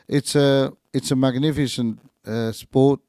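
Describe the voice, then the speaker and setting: A man's voice: mid-range voice, fairly even intonation, measured pace, warm tone, clean tone, dry recording, clean studio sound. A man co-hosting a live radio show in casual chat, hesitant and often repeating his words and phrases. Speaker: radio co-host.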